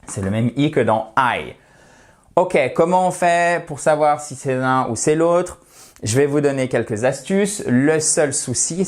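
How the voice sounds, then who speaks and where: A man whose first language is French, teaching an English pronunciation lesson and demonstrating words with careful, drawn-out stress. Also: medium pitch, a little mellow.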